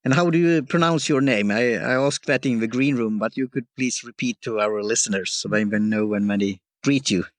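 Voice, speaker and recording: A man hosting a podcast interview, talking haltingly and often stopping to search for words. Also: medium pitch, dry recording. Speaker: podcast host. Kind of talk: casual interview.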